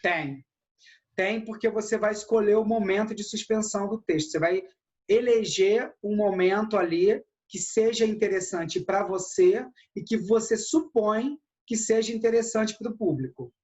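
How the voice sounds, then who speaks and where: A woman's voice: medium pitch, moderate pace, a little mellow, lo-fi sound. A woman with a Brazilian Portuguese accent teaching an acting class, explaining and acting out how to deliver lines. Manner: demonstrative, acts out delivery.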